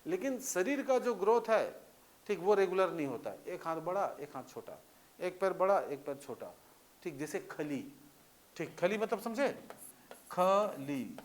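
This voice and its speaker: A man with a high, light voice gives a classroom lecture. He talks in a loose, chatty way and keeps checking that the students have understood. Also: a bit bright. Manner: conversational, checking understanding with repeated questions. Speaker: teacher.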